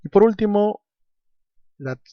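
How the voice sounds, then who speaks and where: A man's voice: high-pitched, animated, slow, dry recording, highs cut off. A man teaching a recorded grammar lesson, stressing each example word as he works through exercises. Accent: Peruvian Spanish. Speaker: language teacher.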